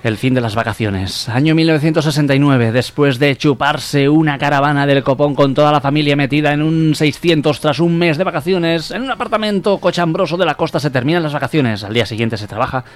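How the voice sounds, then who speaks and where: A man's voice: fairly high pitch, fairly quick, few pauses. A man reading comic sketches on a radio humor show, dry and crude. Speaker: radio comedy host.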